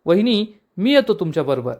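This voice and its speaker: A man's voice: sits high, big pitch swings, a little fast, a little mellow. A man voicing an eager young male student who insists on coming along. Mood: insistent. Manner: insistent, bargaining.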